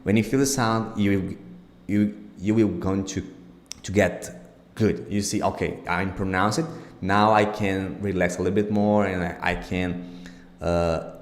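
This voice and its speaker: A man, a non-native English speaker, teaching pronunciation informally and reassuringly, with exaggerated, emphatic articulation of sounds. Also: low-pitched. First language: not English. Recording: echoey, reverberant room.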